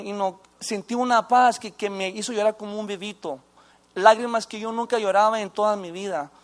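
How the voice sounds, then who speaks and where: High-voiced man, halting testimony. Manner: halting, with restarts and mixing in English phrases. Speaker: former inmate giving testimony. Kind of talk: personal faith testimony.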